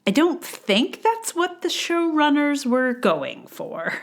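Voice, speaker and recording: A woman's voice: high-pitched, slow, creaky. Wry, amused woman giving commentary. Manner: wry and amused, with an expressive delivery. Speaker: theater performer and commentator. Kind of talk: casual commentary vlog.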